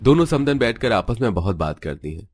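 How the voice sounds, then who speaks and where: Deep-voiced male storybook narrator. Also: sing-song, fairly quick, slight background noise.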